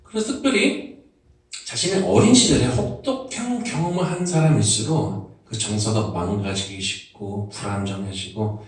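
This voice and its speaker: A man preaching a sermon as pastor in a church, in a conversational manner with lively rises and drops. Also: fairly low pitch, moderate pace. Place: church sanctuary. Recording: echoey church hall, distant mic.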